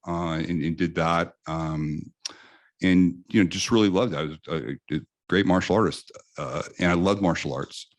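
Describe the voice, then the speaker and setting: A man in his fifties from the United States, a guest telling animated stories in a casual interview with frequent restarts. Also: deep voice.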